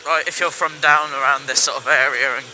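A young motovlogger from England chats casually and rambles to his viewers while riding a dirt bike on wet country roads. His medium-pitched voice is a little fast and comes through a helmet-mounted camera mic, so the audio is poor and full of engine and wind noise.

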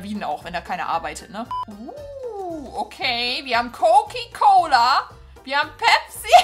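A woman hosting a let's-play gaming video, talking excitedly to her viewers in a chatty, casual way as she plays. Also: sits high.

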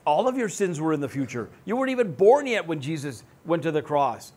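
A man's voice: on the high side, very animated, a little fast, darkish tone. An American man preaching a sermon as pastor, conversational and joking, often putting questions to his congregation.

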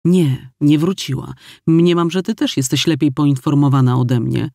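Man voicing quick-tempered young woman, demanding tone, audiobook, slightly high voice, dry recording. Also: steady tone, vocal fry, a little mellow, no room sound. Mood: irritated. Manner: irritated, demanding.

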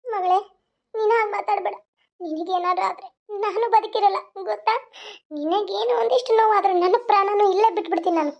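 Brief: a woman playing a protective mother; high, soothing, muffled recording. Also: brisk, creaky. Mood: tender. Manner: soothing, pleading. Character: middle-aged mother, tender and protective. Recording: dull lo-fi recording.

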